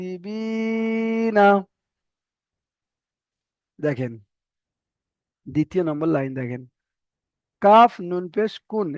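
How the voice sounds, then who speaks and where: A man teaching Quran reading, spelling out letters and vowel marks and then chanting each word slowly. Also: on the high side, no echo, dull audio. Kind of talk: spelled-out recitation lesson.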